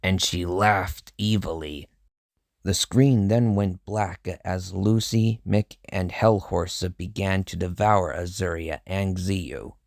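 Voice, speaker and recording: Slow, gravelly low-voiced man reading horror. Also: steady tone, a little mellow, no echo, studio quality. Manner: measured, grim storytelling delivery. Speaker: narrator. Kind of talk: first-person horror story reading.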